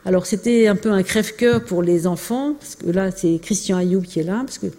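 A woman's voice: mid-range voice, moderate pace, warm tone. Hesitant woman lecturing in a reverberant hall. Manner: hesitant, many fillers and restarts. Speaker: lecturer presenting family archives. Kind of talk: informal illustrated talk.

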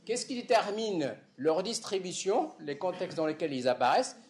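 A man's voice: sits high, big pitch swings, moderate pace, a little mellow. Echoey man lecturing step by step. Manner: explains step by step, often checks with "d'accord?". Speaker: university lecturer.

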